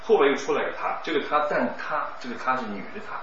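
Middle-aged guy teaching a reading class, jokey and animated, sounds dull and noisy like a far mic. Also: mid-range voice, fast talker. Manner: chatty, teasing, laughs often. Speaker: recitation teacher. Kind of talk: classroom coaching and Q&A. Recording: echoey, distant, muffled room with noise.

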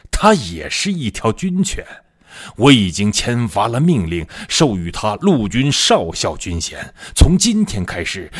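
A man's voice: lowish voice, slightly rough, no room sound, studio quality, full character voice. A man voicing a furious, domineering one-eyed general in a told story, roaring his orders. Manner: roaring, commanding.

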